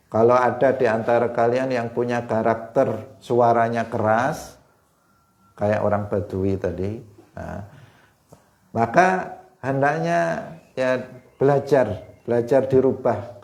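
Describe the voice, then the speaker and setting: A man with an East Javanese accent teaching a hadith lesson to students, explaining slowly with rhetorical questions and frequent fillers. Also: medium pitch, a little mellow. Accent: Indonesian, East Javanese. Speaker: religious teacher.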